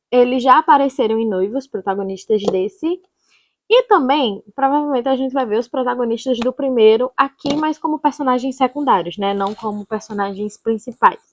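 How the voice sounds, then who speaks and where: A woman's voice: high-pitched, moderate pace. A Brazilian woman chatting casually as a book vlogger, informal and rambling, often correcting herself. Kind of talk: casual chatty reading vlog.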